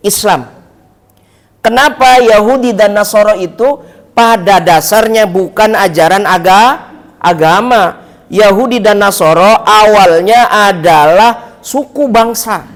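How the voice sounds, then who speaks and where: Joking high-voiced man teaching a mosque class. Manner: joking, mimics regional pronunciations, asks the audience questions. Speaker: ustadz teaching a kitab study class. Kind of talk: casual religious teaching in a mosque.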